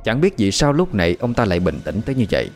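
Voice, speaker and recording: Man narrating a horror story, deep-voiced. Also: fast talker. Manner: dramatic, animated delivery. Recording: faint background music.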